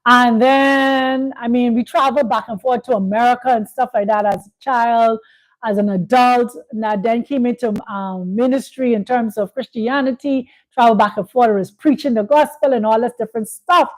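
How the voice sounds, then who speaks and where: High-voiced woman preaching. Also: steady tone, moderate pace, low-quality recording. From Bahamas. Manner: preachy, repeats phrases, asks "you see?". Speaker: host. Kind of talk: spiritual talk monologue. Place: Kenya.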